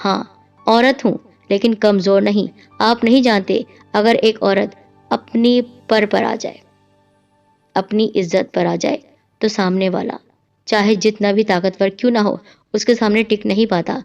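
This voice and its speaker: A woman's voice: medium pitch, fairly even intonation, vocal fry, a little mellow, soft background music, natural voice. A woman voicing a defiant young teacher. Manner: firm, cutting, words chewed out.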